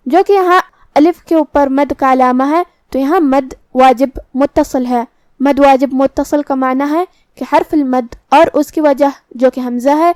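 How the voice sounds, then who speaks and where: A woman teaches the rules of Quran recitation at a slow, careful pace. Her voice sits high and stays level, with little melody. The sound is close and dry. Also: a little mellow, dry recording. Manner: slow, careful explanations with demonstrated words. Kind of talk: tajweed lesson explaining pronunciation rules.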